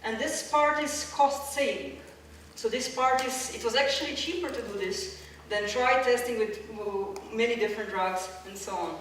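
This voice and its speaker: A woman's voice: on the high side, moderate pace, fairly bright tone. A woman from Croatia delivers a public science lecture, explaining as she goes and restarting her sentences often. She is picked up from some distance in a strongly reverberant hall. A faint room hum sits underneath. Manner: explanatory, with many fillers and restarts. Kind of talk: public science talk with slides. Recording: echoey hall, mic at a distance.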